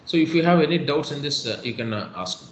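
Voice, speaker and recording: A man's voice: on the high side, expressive, fast. A man with an Indian English accent giving an online lecture, repeating key points emphatically with many fillers. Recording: echoey room with faint noise.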